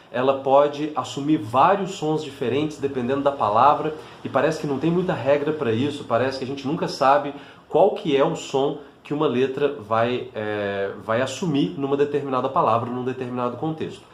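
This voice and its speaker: A man's voice: medium pitch, roomy sound. A Brazilian man, a language teacher, explaining patiently to camera and checking in often with his listeners. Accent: Brazilian Portuguese. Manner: patient, with frequent fillers and check-ins like "né?".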